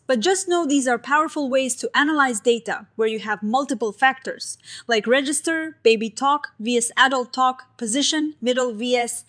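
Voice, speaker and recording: Higher-pitched woman explaining research. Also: a bit bright. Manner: clear, upbeat, explanatory delivery with everyday comparisons. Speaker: science explainer host. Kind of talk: scripted narration explaining a research paper.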